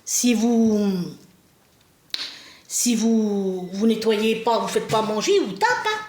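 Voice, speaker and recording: A woman's voice: a little high, lively intonation, slow, darkish tone, roomy sound. A woman chatting casually as she decorates a shelf at home, self-mocking and often laughing, speaking to a camera set a little way off. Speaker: home vlogger. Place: indoors at home.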